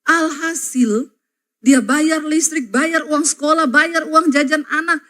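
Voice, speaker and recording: A middle-aged woman pastor delivering a sermon in a high, bright voice. She tells homely stories and acts out the quarrels in them. She speaks straight to the mothers and fathers in the congregation. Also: a little slow. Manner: lively storytelling, acts out everyday quarrels in quoted voices.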